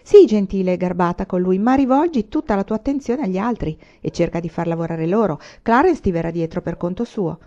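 A gentle pioneer mother gives soft, patient counsel as a woman reads her part. The voice is mellow and warm. The recording is a little dull. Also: mid-range voice, expressive, brisk, few pauses, natural voice.

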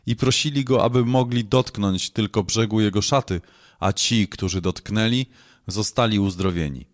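A man with a fairly low voice reads scripture aloud. His delivery is measured and solemn, every verse paced as a formal reading. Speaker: scripture reader.

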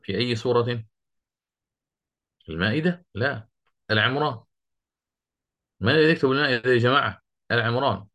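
A middle-aged man teaching Quranic recitation rules, explaining step by step, asking his students questions and reciting verses slowly. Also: medium pitch, a bit bright. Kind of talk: interactive lesson on Quranic readings.

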